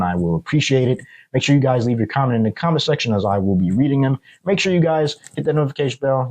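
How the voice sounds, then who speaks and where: A man's voice: mid-range voice, darkish tone, rough recording. A man hosting a solo sports recap, giving blunt, critical commentary. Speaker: sports video host.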